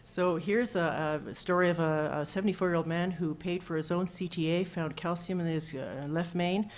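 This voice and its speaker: A woman's voice: fairly low pitch, a little mellow, slight background noise. A woman surgeon giving a conference talk, casual and anecdotal as she walks through slides full of numbers. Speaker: cardiac surgeon presenting at a symposium. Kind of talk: conference presentation.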